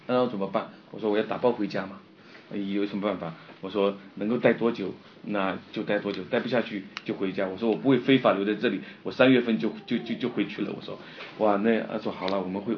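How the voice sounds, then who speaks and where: A man preaching a sermon, impassioned and confessional, swinging between loud outbursts and quiet, subdued stretches. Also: mid-range voice, muffled recording, a little hiss or hum. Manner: personal and confessional, retelling his own despair.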